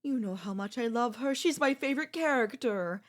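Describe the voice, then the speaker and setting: A woman's voice: on the high side, expressive, moderate pace, voice pushed up, lightly acted. A woman voicing a bratty, spoiled young queen in an ASMR audio role-play, whiny and playfully haughty. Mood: whiny pleading.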